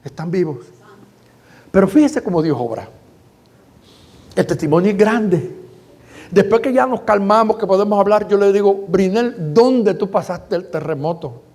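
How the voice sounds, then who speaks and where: A man's voice: high voice, lively intonation, moderate pace, darkish tone. A middle-aged man, a pastor, telling an emotional testimony in a sermon and addressing his congregation directly.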